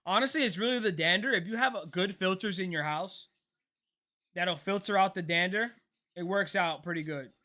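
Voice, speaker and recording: Bright-voiced young man chatting on a live stream. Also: high voice, normal speed. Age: 20s. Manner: relaxed, chatty, answers chat questions, says "bro". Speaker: livestream host. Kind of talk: casual live-stream chat and game reactions.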